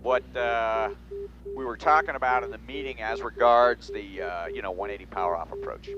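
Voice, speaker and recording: A man's voice: mid-range voice, normal speed. A man giving technical in-flight commentary as a pilot, matter-of-fact, with clipped procedural callouts from a small airplane cockpit. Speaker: pilot demonstrating flight maneuvers. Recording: dull audio, loud aircraft cabin noise. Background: engine and cabin drone.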